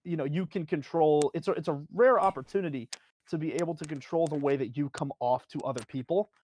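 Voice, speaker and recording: A man's voice: on the high side, fairly quick, a little mellow. A man giving casual advice on a livestream, phrasing hesitantly in short bursts full of filler words. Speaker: livestream guest with a music performance background.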